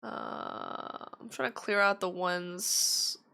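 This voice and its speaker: A woman streams tarot readings in casual, chatty talk, giggling and using lots of fillers. Her voice is medium-pitched, steady, slow, gravelly, pushed and bright, with a slight strain.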